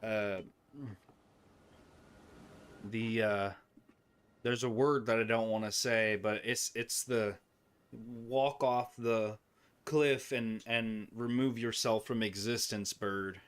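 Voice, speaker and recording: A man's voice: lowish voice, fairly even intonation, takes it slowly, long pauses, a bit bright, clean tone. A man giving rambling, joking commentary to himself while playing a game. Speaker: gameplay streamer. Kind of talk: casual gameplay commentary.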